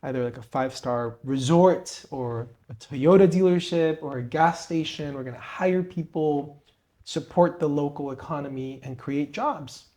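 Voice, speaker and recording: In a conversational interview, the young Peruvian co-host speaks with a fairly high, warm voice at normal speed. He recounts his own story and hands out advice with earnest, motivational energy.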